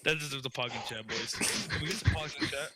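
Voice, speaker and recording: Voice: mid-range voice, fast, noisy background. A player in a casual tabletop game chat who giggles and swears often.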